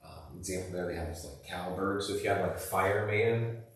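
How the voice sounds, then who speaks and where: Male teacher, low voice, loose chatty explaining, booming classroom echo. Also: a little fast. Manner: casual, rambling explanation with many fillers. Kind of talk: recorded classroom lesson. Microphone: camera across the room. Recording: echoey room, distant camera mic.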